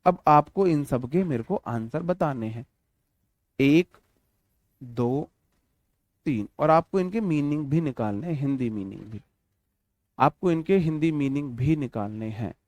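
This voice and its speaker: A man's voice: medium pitch, expressive, unhurried, long pauses, a little mellow, no room sound. A young man teaching English grammar in a Hindi-accented online exam-prep lesson, repeating each point and asking his students questions. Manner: repetitive, addresses students as brother, asks them questions.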